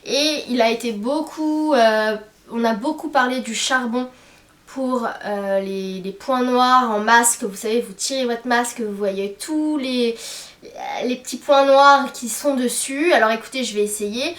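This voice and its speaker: A woman's voice: on the high side, a little slow, reverberant, far from the mic. A young woman chatting casually to camera about beauty purchases, with frequent hesitant fillers. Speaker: beauty vlogger. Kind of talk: casual haul chat to camera.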